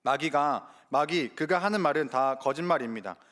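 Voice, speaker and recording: A man's voice: fairly high pitch, normal speed, a bit bright. A man preaching a sermon in a church, earnestly addressing the congregation with rhetorical questions. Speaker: evangelist preaching.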